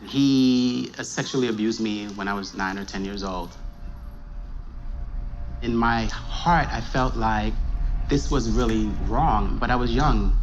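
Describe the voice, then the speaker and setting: A man from New York speaking haltingly in a documentary interview, telling his story as a survivor and reading his own poem, with many pauses and fillers. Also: mid-range voice, lo-fi sound, slight background noise.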